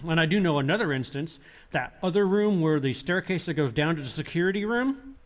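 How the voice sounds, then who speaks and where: A paranormal investigator with a slightly high voice speaks fairly quickly as he describes his experiences on a casual podcast. He rambles, starts over mid-thought, and retells things animatedly.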